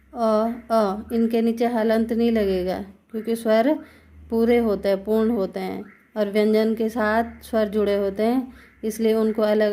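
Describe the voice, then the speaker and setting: A woman's voice: medium pitch, mellow. A woman teacher explaining grammar step by step, asking questions and answering them herself. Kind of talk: Hindi grammar lesson.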